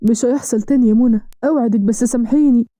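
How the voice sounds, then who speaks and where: A quick-tempered young husband with an Egyptian accent, read by a woman, harsh and commanding. The voice is high and very dark, and the lines come out very fast. The recording is close and dry. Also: no echo, lightly acted. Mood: pleading.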